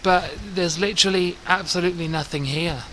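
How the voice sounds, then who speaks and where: A man's voice: high voice, fairly even intonation, brisk, rough recording. A man narrating a casual travel vlog from buses and town streets, chatty and reflective in tone. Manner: chatty, warm-hearted and reflective. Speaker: bus travel vlogger. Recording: loud vehicle and street noise.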